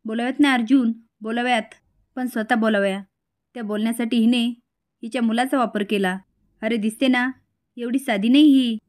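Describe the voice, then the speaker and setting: A woman's voice: fairly high pitch, fairly even intonation, brisk, darkish tone, natural voice. A woman voicing a jealous young fiancée who accuses and scolds her rival in a retold television serial. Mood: furious.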